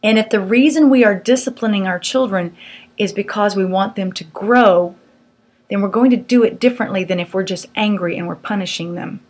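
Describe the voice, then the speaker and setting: A woman's voice: mid-range voice, brisk, darkish tone. A middle-aged woman teaching a small Bible study group, earnest, firm and conversational.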